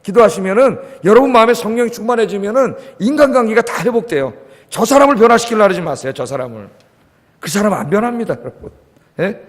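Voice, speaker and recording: A man's voice: high voice, lively intonation, fast. A pastor in his fifties preaching a sermon with emphasis, often asking his congregation questions. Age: 50s. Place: church sanctuary. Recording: long church hall reverb.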